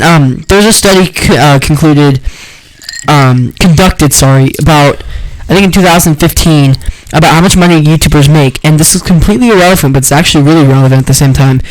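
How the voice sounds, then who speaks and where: A man with a slightly higher voice who chats casually on a podcast. He rambles and leans on fillers and slang as he works through his point. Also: fairly quick, low-quality recording. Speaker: podcast co-host. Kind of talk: casual chat.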